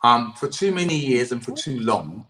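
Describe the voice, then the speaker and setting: A man's voice: medium pitch, big pitch swings, normal speed, sharp tone, low-quality recording. A man, the chair of a political campaign group, answering interview questions earnestly over a video call, restarting his sentences and often trailing off with "et cetera".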